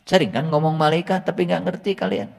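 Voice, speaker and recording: A man's voice: fairly high pitch, fairly quick, vocal fry, in a large hall. A man giving an Islamic sermon as a religious teacher, often asking his listeners rhetorical questions. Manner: asks the audience rhetorical questions.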